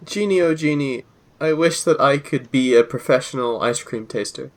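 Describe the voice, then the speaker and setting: A man's voice: mid-range voice, moderate pace. A man co-hosting a podcast, often puzzled and asking questions in casual chat. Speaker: podcast co-host.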